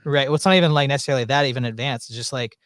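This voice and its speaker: A man's voice: mid-range voice, racing, fairly bright tone, no echo, studio quality. A young man from the American South with no accent, talking casually in a panel discussion, full of fillers. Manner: rambling, filler-heavy.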